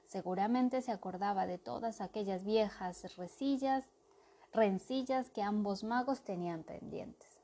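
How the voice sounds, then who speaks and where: A woman reading a children's storybook aloud, narrating in an expressive way. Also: medium pitch, unhurried. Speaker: storybook reader.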